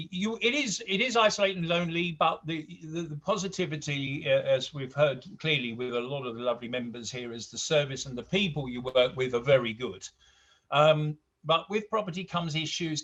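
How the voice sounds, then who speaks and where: A middle-aged man who runs his own business, answering questions casually in a halting, searching way. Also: on the high side, a bit bright, highs cut off. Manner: halting, restarts often. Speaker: property business owner.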